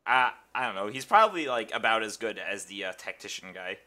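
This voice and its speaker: A young man co-hosting a card review, joking and bantering with quick stammered restarts. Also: lowish voice, lively intonation, sharp tone. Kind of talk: casual chat.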